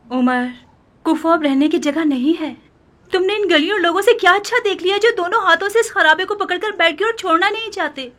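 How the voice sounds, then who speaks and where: A woman's voice: very high-pitched, a bit bright. An actress dubbing a proud noble wife and mother in a historical drama, reproachful toward her husband. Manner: reproachful and pleading.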